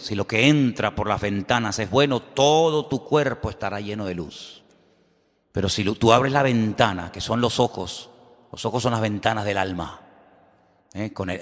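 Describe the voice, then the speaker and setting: A man's voice: fairly low pitch, fairly bright tone, long reverb tail. A man preaching a sermon as pastor, with rhetorical questions and a fervor that builds.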